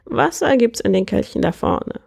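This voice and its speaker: A woman voicing a croaking, joke-loving male bird prince in a storybook reading, with a cheerful, joking manner. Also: mid-range voice, big pitch swings, normal speed, darkish tone, pitched above the performer's own voice, heavily acted. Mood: jokey. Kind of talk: storybook character voice.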